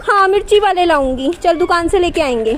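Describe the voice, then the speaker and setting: A young mother gently coaxes and soothes her crying child, repeating short phrases, in a casual home vlog. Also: extremely high pitch, lively intonation, brisk. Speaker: mother and vlogger.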